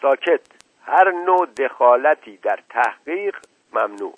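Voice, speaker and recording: A man voicing a bossy, suspicious police inspector who shouts his questions, on a dull lo-fi recording. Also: medium pitch, animated, no room sound, close to an everyday voice. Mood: commanding. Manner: barking, suspicious, interrogating.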